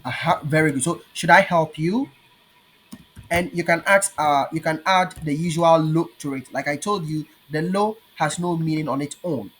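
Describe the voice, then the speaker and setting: A man with a Ghanaian accent teaching his language in an online lesson, patiently repeating words slowly. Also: fairly high pitch, a bit bright, slight background noise.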